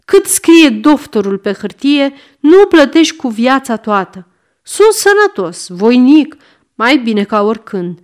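A woman's voice: sits high, big pitch swings, smooth. A woman voicing a sick old male miser, querulous and snapping commands. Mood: defiant.

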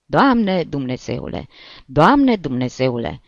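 A man's voice: fairly high pitch, big pitch swings, vocal fry, no room sound. A man voicing a frightened middle-aged innkeeper who laments and pleads with sighs, in a dull, dry recording of a read-aloud story.

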